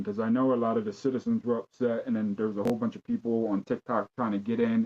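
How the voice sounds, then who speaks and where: A man talks quickly in a casual, rambling style. His voice is fairly low. The recording is dull and lo-fi. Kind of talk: casual chat. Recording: dull, lo-fi voice pickup.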